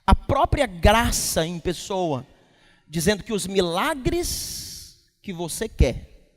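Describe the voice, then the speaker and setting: A male pastor preaching a lively sermon at a church service, quizzing the congregation and breaking into shouts. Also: sits high, slow pace. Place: church service in a large hall. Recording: long hall reverb from the church.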